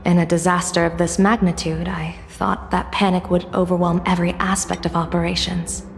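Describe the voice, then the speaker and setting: An actress playing a dignified, composed female general in a video game, measured and stately. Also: fairly low pitch, level tone, gravelly, a little hiss or hum. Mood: impressed, thoughtful. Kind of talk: video game character acting. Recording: reverberant with faint music.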